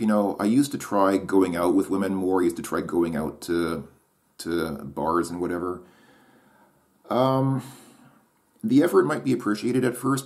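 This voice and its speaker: Here a man with a deep, darkish voice reasons aloud by himself. He keeps hesitating, beginning sentences again and doubting himself.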